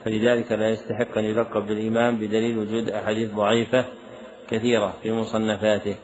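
Flat, quick-talking sheikh answering questions. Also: male voice, on the low side, slight background noise. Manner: reads questions aloud, then answers briefly and firmly. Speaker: sheikh teaching a religious text. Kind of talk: lesson, answering written questions. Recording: dull lo-fi lecture recording.

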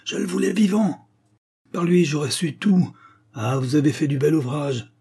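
A man's voice: on the low side, normal speed, mellow, breathy edge. A man reading a spy novel aloud and voicing a brusque, exasperated male police inspector.

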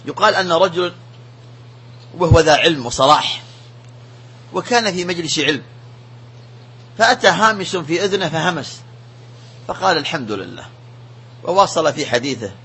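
A man giving a religious lesson as a sheikh, preaching in an emphatic, animated way. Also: fairly high pitch, normal speed, pauses often, a little hiss or hum.

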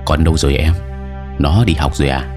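A man voicing a stern, gruff middle-aged father in an audio story. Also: rumbling low, brisk, music in the background. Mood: calm.

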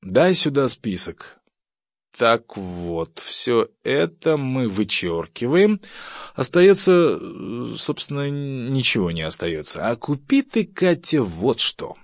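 A man voicing a stingy, pompous middle-aged husband who lectures about thrift and turns shrill when provoked. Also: sing-song, slow, no room sound, full character voice. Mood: stingy lecturing. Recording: dull, dry audiobook recording.

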